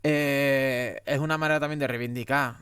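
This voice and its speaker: Andalusian male comic guest, smooth dry voice, fired-up conversational delivery. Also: mid-range voice, fairly even intonation, normal speed, a bit bright, no echo. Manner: emphatic and heated, many restarts. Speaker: guest comedian. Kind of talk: casual podcast conversation.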